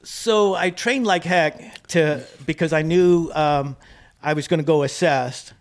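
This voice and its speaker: A man's voice: a little high, a little slow. Easygoing man, plain podcast storytelling. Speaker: special ops pilot guest. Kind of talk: casual storytelling.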